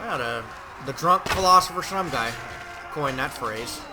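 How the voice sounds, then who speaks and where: A man rambles through casual gameplay commentary in a slightly raised voice, swearing freely and sometimes breaking into shouts. Loud game music plays clearly behind him. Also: on the high side, lively intonation, moderate pace. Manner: profane, rambling, bursts of shouting.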